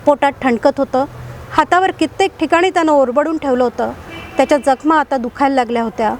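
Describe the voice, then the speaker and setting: A woman with a high voice reads a dramatic story aloud. Her reading is measured and expressive, and she leans into the tense moments without rushing. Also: a little hiss or hum.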